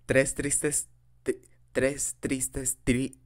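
A young Mexican man, a native Spanish speaker with a Mexican accent, improvises an audio roleplay as a boyfriend giving a casual Spanish lesson. His medium-pitched voice is completely flat and very slow, and he comes across as giggly, dorky, hesitant and self-deprecating.

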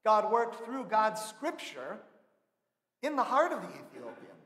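A pastor in his thirties delivers a sermon at the pulpit, his voice sitting noticeably high for a man. He speaks in a measured, earnest way, slowing down to stress key words. The sound rings through a large sanctuary with a long, roomy reverb. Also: very animated, fairly bright tone. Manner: measured, earnest preaching with slow emphatic stresses. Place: large church sanctuary, indoors. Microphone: pulpit microphone. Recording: echoey church with long reverb.

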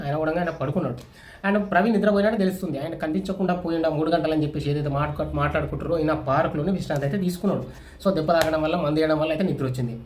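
A man's voice: on the high side, darkish tone. A man giving casual, opinionated spoken news commentary, with many restarts and fillers. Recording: echoey room with faint ambient noise.

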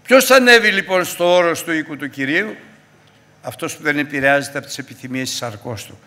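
A man preaching a Sunday sermon, fervent, swinging between loud exhortation and hushed asides. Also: on the high side, animated, in a large hall.

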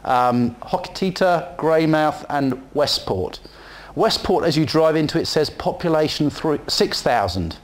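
This conference speaker is a man from England's West Country, presenting in a hall. His animated, fairly high voice moves at a measured pace as he wanders chattily through the talk with lots of ums and asides.

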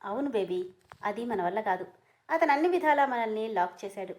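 A woman voicing a calm middle-aged father who soothes his upset daughter. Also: a little high, brisk, background noise, natural voice. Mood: placating. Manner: soothing, reasoning.

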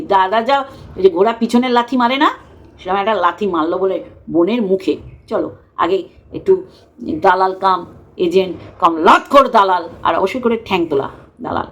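A woman's voice: mid-range voice, moderate pace, fairly bright tone. A woman giving a scornful, mocking commentary rant in a casual tone. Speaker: YouTube commentator.

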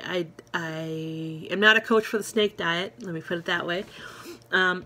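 A woman's voice: medium pitch, fairly bright tone. Chatty woman vlogging with lots of ums. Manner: rambling, many ums and restarts, chatty; friendly, encouraging to viewers. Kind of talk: casual chat to camera.

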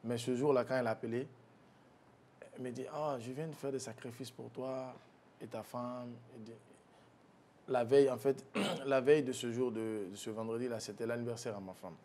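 A man recounting a personal loss in an interview, speaking softly and haltingly, with frequent restarts and a voice that drops low at painful moments. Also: fairly even intonation. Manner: soft-spoken, halting with restarts, low when recalling grief. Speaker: guest.

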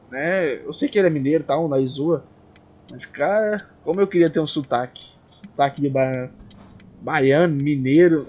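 Young guy from parana brazil, high voice, goofy and excitable, cursing a lot, muffled lo-fi sound. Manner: excitable, joking, swears freely. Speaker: gaming YouTuber. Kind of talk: casual gameplay chat. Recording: dull lo-fi recording.

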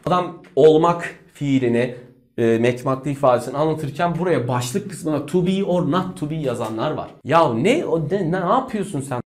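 A man teaching English with jokes and mocking asides, lively and teasing. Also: on the high side, normal speed, slight background noise. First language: Turkish. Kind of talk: comedic lesson rant.

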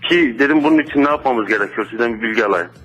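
A man's voice: medium pitch, rapid-fire, lo-fi sound, over music. A polite man in his twenties from eastern Turkey, asking for advice over the phone. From Erzurum region, Turkey. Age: 20s. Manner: polite, respectful. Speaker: caller, small business owner. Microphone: telephone.

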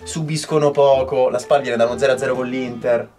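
A young man, a football commentator, chatting casually and excitedly. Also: medium pitch, fairly quick, music in the background. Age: young adult.

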